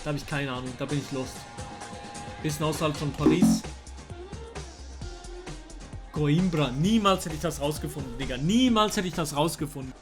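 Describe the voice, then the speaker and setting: A young man, talking casually to his chat while playing a guessing game, excitable and slangy. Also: on the high side, moderate pace, long pauses. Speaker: streamer. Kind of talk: casual gameplay commentary. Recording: faint music underneath.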